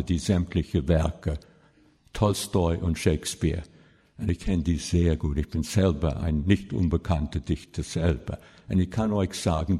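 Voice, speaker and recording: A male pastor preaches with passion, his low, husky voice swinging between loud bursts and soft asides. The sermon rings out with the long reverb of a large church.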